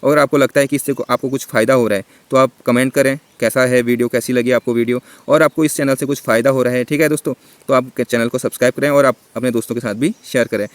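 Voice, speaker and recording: A man teaching an exam-prep grammar lesson, who keeps checking in with his listeners and stretches vowels out slowly to show them. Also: mid-range voice, steady tone, no room sound. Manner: repeats "theek hai" and "doston" constantly.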